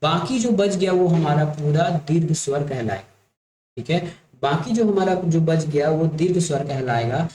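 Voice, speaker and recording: A male teacher with a slightly high voice gives an exam-prep grammar lesson. He walks through each point patiently, repeats himself and keeps checking that his students follow. The sound is echoey, with a faint hum in the background. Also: animated, moderate pace, mellow.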